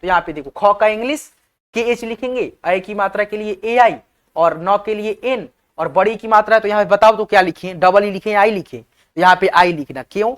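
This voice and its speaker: A woman's voice: mid-range voice, fairly quick. A woman teaching a spelling lesson at a whiteboard, patiently spelling words out letter by letter and often checking that her viewers understand.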